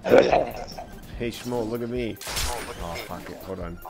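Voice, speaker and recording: A man's voice: medium pitch, slow pace, vocal fry. A young man chatting casually as he games, joking and swearing with his friends. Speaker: gamer, video creator. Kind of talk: casual gaming chat. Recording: game voice chat with music, gunfire. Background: music and gunfire.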